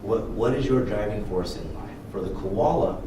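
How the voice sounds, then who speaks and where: A man's voice: lowish voice, animated, moderate pace. A man co-hosting a podcast in casual, informal talk with some swearing and joking. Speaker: podcast co-host. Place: library room. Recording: roomy, distant mic with clear noise.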